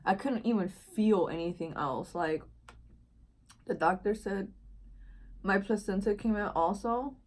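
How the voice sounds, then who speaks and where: A woman's voice: medium pitch, a little slow, long pauses, darkish tone. A young woman vlogger casually telling a long personal story, rambling with lots of filler words and slang. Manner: rambling, heavy use of "like" and "dude".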